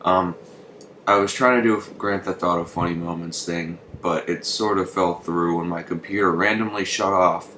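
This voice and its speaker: A man's voice: sits low, steady tone, moderate pace. A young man rambling through gameplay commentary, hesitant and full of ums and swearing, shivering from the cold in his room. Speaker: gaming channel host. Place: bedroom with a fan running. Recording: echoey room with loud noise.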